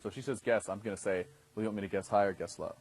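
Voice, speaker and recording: The low-quality recording captures a husky, darkish, low-pitched man in his thirties racing through an instructional class talk with fairly even intonation. A dating coach instructor, he stays conversational and often checks in with his listeners.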